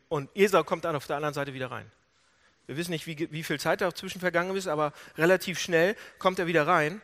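A preacher tells the story in a dramatic, vivid way. His bright voice swings widely in pitch, and a long reverb trails after it in a large hall. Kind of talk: sermon.

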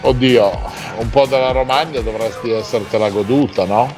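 A man hosting a radio show in casual, teasing chat, talking in halting phrases and adding little tag questions. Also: medium pitch, steady tone, over music.

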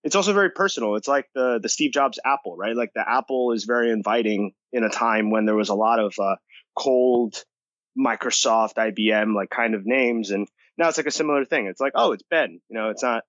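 A man's voice: mid-range voice, a little fast, a bit bright, no room sound, highs cut off. A young man from the United States, an enthusiastic podcast guest talking casually with lots of fillers. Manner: enthusiastic, talkative, many "like" fillers. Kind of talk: casual interview talk.

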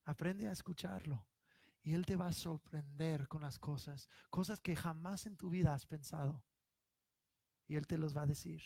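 A man preaching a sermon as pastor to his congregation, emphatic and swelling to loud stressed lines. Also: fairly high pitch, fairly even intonation, moderate pace, vocal fry, breathy edge, no echo.

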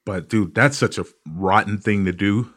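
A man hosting a podcast, telling stories in a profane, ranting, animated way. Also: fairly low pitch, normal speed. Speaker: podcast host. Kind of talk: casual comedic podcast monologue.

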